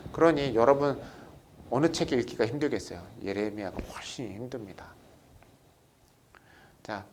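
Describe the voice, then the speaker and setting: A middle-aged man teaching a recorded Bible study lecture, asking his listeners questions and reading scripture aloud. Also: mid-range voice. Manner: lively teaching, asks the class questions, reads scripture aloud.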